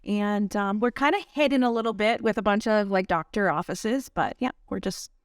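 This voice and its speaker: A woman's voice: medium pitch, moderate pace, clear, resonant tone, no room sound, clean studio sound, far from the mic. Plain-spoken woman, slightly off-mic. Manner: plain-spoken, a few hesitations. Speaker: insurance agency owner guest. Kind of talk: casual chat.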